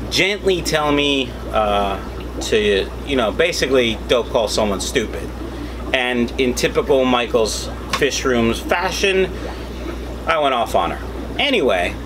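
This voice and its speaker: A middle-aged man hosting a debunking vlog in a casual, opinionated way, explaining informally to the camera. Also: on the high side. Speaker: host of a fishkeeping channel. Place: small indoor fish room full of tanks. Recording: steady background hum and noise.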